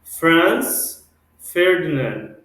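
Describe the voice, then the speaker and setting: A man teaching an English class, speaking slowly and repeating words one by one to model their pronunciation. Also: fairly high pitch, sing-song, fairly bright tone, heavy reverb, low-quality recording.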